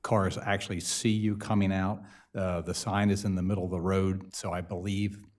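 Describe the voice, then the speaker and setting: A committee member giving a casual, plainspoken update at a city meeting, with many uhs. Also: male voice, deep voice, little pitch movement, normal speed, a little mellow.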